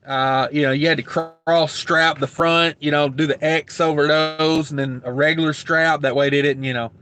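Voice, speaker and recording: Steady in tone and at a normal speed, this slightly high, bright, pushed male voice belongs to a truck driver livestream host. He reads viewer comments aloud in a loose, filler-heavy ramble while his throat dries out.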